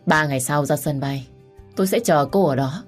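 Woman doing a cold aloof husband, low and clipped. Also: moderate pace, faint music behind. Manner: curt, detached. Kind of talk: storybook reading.

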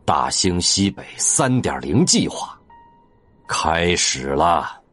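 A man voicing a gruff middle-aged male army commander in an audiobook, speaking curtly and dismissively. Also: deep voice, a little fast, soft background music. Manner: curt, dismissive. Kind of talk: audiobook character voice.

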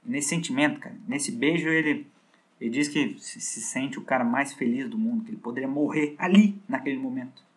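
A man's voice: medium pitch, brisk. A man, hosting a podcast and casually retelling a book's plot in slangy, profane speech full of fillers. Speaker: podcast host.

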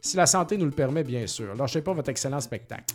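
A podcast host in his forties with a Québécois French accent chats casually and reads listener questions, talkative, informal and slangy. His mid-range voice is animated and fast, with soft music in the background.

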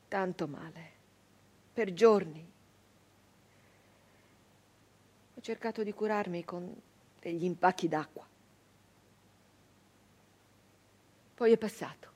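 In the role of a wounded, embittered brigand woman from the nineteenth century, a stage actress delivers a theatrical monologue. She sounds pained and subdued, her husky, medium-pitched voice breaking into short, halting and emphatic phrases.

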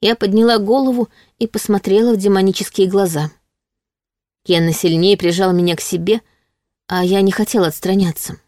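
A woman narrating a story in the first person, calm and even. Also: mid-range voice, brisk, no room sound, studio quality. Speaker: audiobook narrator.

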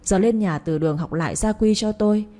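A woman's voice: mid-range voice, fairly quick, mellow, natural voice. A woman voicing a stern older matriarch who lectures her daughter-in-law and maid.

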